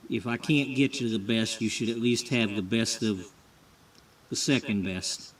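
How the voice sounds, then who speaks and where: Stammery eager tile guy in a sims story, a man doing the voice, lowish, kinda distant. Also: unhurried, roomy sound, close to an everyday voice. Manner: stammering, over-eager to please. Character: nervous stammering male tile contractor.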